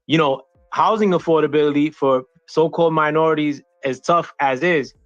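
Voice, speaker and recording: A man from the United States making a point on a political call-in panel, halting and restarting with lots of fillers. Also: a little high, fairly bright tone, no echo, highs cut off. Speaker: panel caller. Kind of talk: heated political debate.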